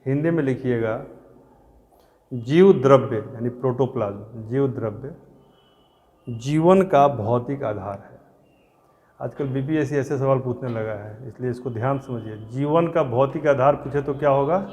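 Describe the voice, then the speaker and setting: A man teaching a classroom of exam students, repeating terms slowly and quizzing and scolding his students. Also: medium pitch, darkish tone. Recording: reverberant classroom.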